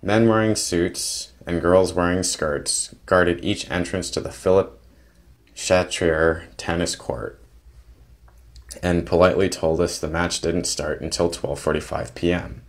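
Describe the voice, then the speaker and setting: Young male vlogger, very low voice, plain detailed diary-style narration. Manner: plain, detailed descriptive narration with small restarts.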